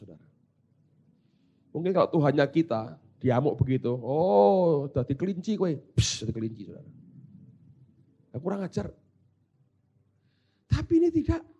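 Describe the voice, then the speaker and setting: A male pastor preaching a sermon. He switches between hushed asides and loud, dramatic exclamations. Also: high voice, slightly rough.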